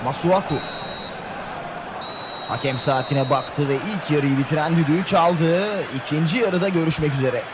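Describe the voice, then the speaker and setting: A man's voice: a little high, moderate pace, background noise. A man doing live football play-by-play, naming players in short, clipped phrases. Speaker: football match commentator.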